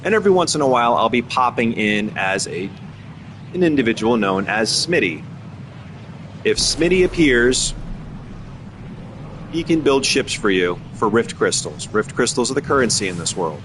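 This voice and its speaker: A man hosting a game livestream, explaining his server rules in a relaxed, chatty way. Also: mid-range voice, moderate pace, pauses often, noisy background. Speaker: game streamer and server host. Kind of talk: casual livestream commentary.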